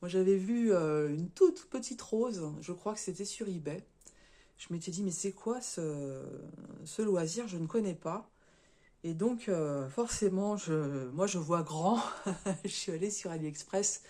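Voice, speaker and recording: A married woman, a little hoarse and stuffy from a cold and slightly out of breath, showing her craft work in a casual vlog, talking haltingly with many fillers and restarts. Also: fairly low pitch, warm tone. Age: adult, married. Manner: chatty, tags sentences with "hein". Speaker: crafts vlogger. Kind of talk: casual show-and-tell vlog.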